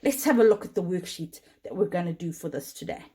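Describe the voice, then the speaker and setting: A woman teaching a lesson to young children, slow and encouraging, chanting patterns aloud in a sing-song way. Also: lowish voice, lively intonation, dark tone, slightly rough.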